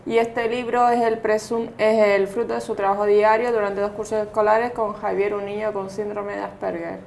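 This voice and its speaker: A woman's voice: medium pitch, level tone, moderate pace, creaky, darkish tone, a little hiss or hum. A woman interviewing a guest on local TV, reading an introduction and asking short questions. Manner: reads introductions, brief agreeing interjections. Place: local TV studio.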